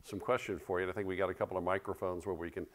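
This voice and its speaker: A man's voice: low-pitched, steady tone, rapid-fire. A man hosting an on-stage interview, joking and easygoing with his guest. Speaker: interviewer, event host. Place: stage event before an audience.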